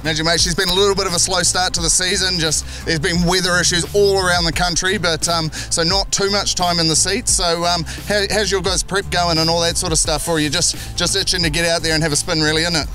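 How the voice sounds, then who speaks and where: A man's voice: sits high, level tone, fast talker, hardly any pauses, bright, forceful tone, faint music behind. A man with a New Zealand accent hosting casual, upbeat sports interviews. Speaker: host and interviewer. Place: outdoors at a speedway track.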